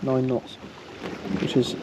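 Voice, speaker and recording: A man vlogging from a sailing boat at sea, chatty and relaxed, with plenty of ums. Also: slow pace. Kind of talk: casual on-board narration. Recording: wind and water noise on a boat.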